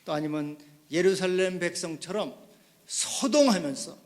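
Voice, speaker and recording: A man preaching a sermon as pastor, animated, acting out the voices of the people he quotes. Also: high voice, a little slow, big-room sound. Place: church sanctuary.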